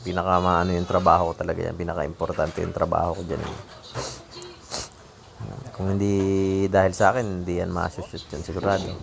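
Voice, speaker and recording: A woman with an extremely deep, low voice talks through her own video in a chatty, joking way, praising her own work as she goes. Steady noise runs under the whole recording. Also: a little fast, vocal fry. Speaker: vlogger narrating own footage. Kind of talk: casual voice-over commentary. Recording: noisy background.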